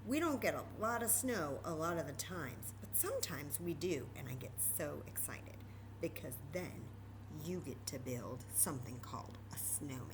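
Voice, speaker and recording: This American woman from Texas hosts a children's storytime with a low, expressive voice at normal speed, over a noisy background. She talks directly to her young listeners, blending read-aloud passages with chatty asides.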